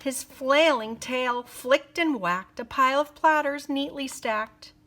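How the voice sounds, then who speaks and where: This woman's voice sits high as she reads from a children's picture book, deliberate and full of expression.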